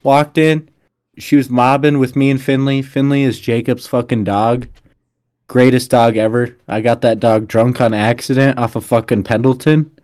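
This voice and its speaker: A man's voice: medium pitch, level tone, moderate pace, a little mellow. A young man telling stories in casual chat, blunt and profane, with frat-bro slang. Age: young adult.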